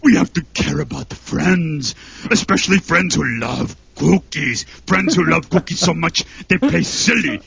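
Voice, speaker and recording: A man voicing a silly, earnest cookie-loving monster with a growly, raspy voice and slow broken grammar. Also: fairly high pitch, animated, a bit bright, no room sound, full character voice. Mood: wheedling, earnest.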